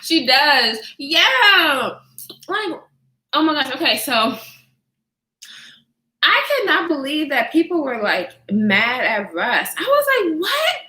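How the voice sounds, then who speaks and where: High, lively, sassy woman vlogger. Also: slow pace, long pauses, echoey room, low-quality recording. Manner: blunt, sassy, laughs often. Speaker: vlogger reacting to viewer comments. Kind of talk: casual chatty commentary.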